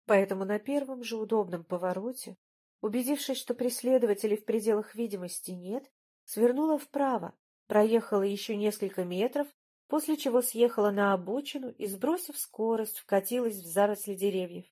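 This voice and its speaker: A woman narrating a first-person novel as an audiobook, in a steady storytelling manner. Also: mid-range voice, normal speed.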